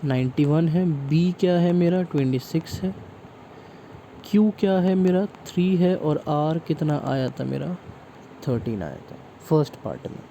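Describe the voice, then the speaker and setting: Dark-voiced man teaching math. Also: on the high side, lively intonation, unhurried, vocal fry, slight background noise, low-quality recording. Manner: explains step by step, with frequent check-ins. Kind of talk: classroom math lesson.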